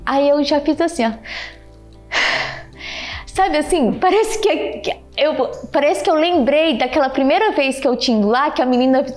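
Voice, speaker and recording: Woman, high voice, heartfelt personal testimony, repeats phrases, religious, faint music behind. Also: normal speed. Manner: animated, repeats phrases, keeps addressing the listener by name; religious, thanks God openly. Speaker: student giving a testimonial. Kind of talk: emotional personal storytelling.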